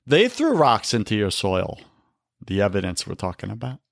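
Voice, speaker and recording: A man's voice: lowish voice, huge pitch swings, moderate pace, creaky, no echo, clean studio sound. A man talking on a faith podcast, preaching with emphasis and often calling the listener brother. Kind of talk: faith-based podcast talk.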